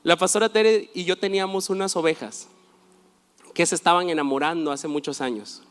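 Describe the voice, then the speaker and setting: Male pastor, fairly high voice, animated storytelling sermon, long hall reverb. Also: normal speed, smooth.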